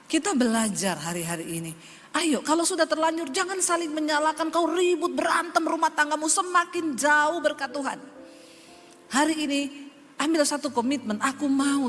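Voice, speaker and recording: A high-pitched woman pastor delivers a sermon, firing rhetorical questions at the congregation and dropping into low confiding tones. Her voice rings in a reverberant hall with faint music underneath. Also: a bit bright.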